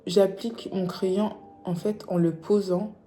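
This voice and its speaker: A young woman chatting casually through a makeup tutorial, playful and self-mocking with quick asides. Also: mid-range voice, fairly even intonation, dark tone, slight background noise. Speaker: beauty vlogger.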